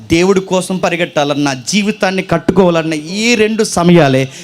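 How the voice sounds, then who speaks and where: A man preaching to young people, telling stories and asking the audience questions, sometimes loud and sometimes low. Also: normal speed. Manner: storytelling, asks the audience questions, wide swings in loudness and pace.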